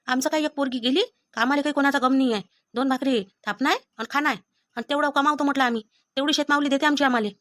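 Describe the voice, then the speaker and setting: A high-voiced woman with a Vidarbha Marathi accent scolds in a blunt village-mother manner in a comedy sketch. She talks fast, and the sound is dry and close. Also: steady tone, fairly bright tone, no echo. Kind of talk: scripted family comedy sketch.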